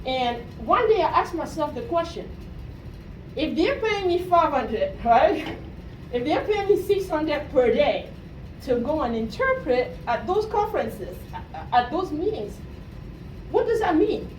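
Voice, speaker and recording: Speaking slowly in a high, sing-song voice, this woman from Cameroon gives students a motivational talk as their coach. She pauses to pose questions to the audience and frequently adds "right?". Her university talk room is captured from a distance, sounding roomy with a faint hiss of noise.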